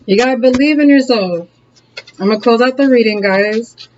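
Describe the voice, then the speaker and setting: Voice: mid-range voice, moderate pace, background noise. Chatty tarot reader, dull lo-fi sound. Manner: chatty, keeps checking in with "okay?" and "all right?"; laughs often, encouraging and direct. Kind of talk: casual tarot reading to camera.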